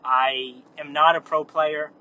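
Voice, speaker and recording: A man's voice: a little high, flat delivery, slow pace, sharp tone. Man recorded on a phone in a car. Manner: casual, meandering, self-correcting. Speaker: host. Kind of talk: unscripted rambling monologue while driving. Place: inside a car. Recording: muffled phone recording in a car with faint road noise.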